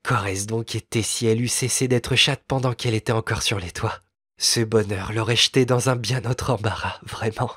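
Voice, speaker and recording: A man narrating a classic fairy tale as an audiobook, with a measured, expressive reading. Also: fairly low pitch, slightly rough, dry recording. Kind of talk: storybook narration.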